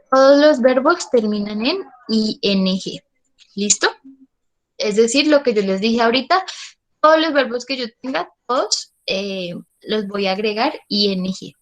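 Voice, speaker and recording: Profesora colombiana de voz aguda. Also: female voice, fairly high pitch, poor audio. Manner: explains patiently, checks in with "¿listo?". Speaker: English teacher. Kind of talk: online class explanation.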